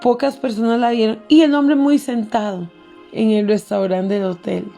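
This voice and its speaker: A woman's voice: a little high, fairly even intonation, normal speed, creaky, warm tone, soft background music. A middle-aged woman pastor, telling a personal story in an earnest sermon and calling her listeners beloved.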